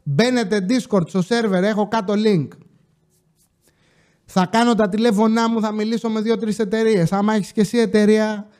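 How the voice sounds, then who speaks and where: A man's voice: high-pitched, darkish tone. A man hosting a podcast, telling a funny story in a casual monologue, full of jokes and chatty asides to his listeners. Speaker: podcast host.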